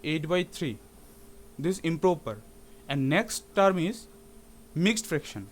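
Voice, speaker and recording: A man's voice: high voice, sing-song, extremely slow, a little hiss or hum. A man teaching a math lesson in a classroom-lecture style, often asking his students rhetorical questions and slipping English terms into his speech.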